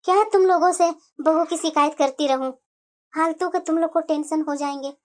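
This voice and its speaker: A woman doing a soft-spoken weary old mother-in-law. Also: fairly even intonation, normal speed, noisy background, close to an everyday voice. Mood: resigned. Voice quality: soft, low put-on voice. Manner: pleading, long-suffering. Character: elderly mother-in-law, weary and peace-keeping. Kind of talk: cartoon family drama voice acting.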